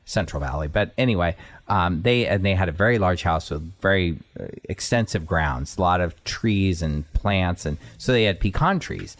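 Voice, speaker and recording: A man's voice: deep voice, lively intonation, normal speed, dry recording. A middle-aged man from California hosting a health talk show, chatting loosely with fillers and restarts between read passages. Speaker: radio health show host. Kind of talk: casual chat and reading health info.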